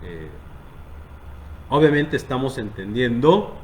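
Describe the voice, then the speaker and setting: A man's voice: mid-range voice, animated, slow pace, darkish tone, a little hiss or hum. A man teaching scripture to a congregation, stressing key words and often checking that his listeners follow. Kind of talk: Bible teaching.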